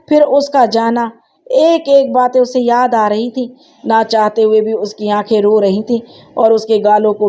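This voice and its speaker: A woman storyteller narrating a sad family tale in a slow, emotive reading style. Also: on the high side, mellow.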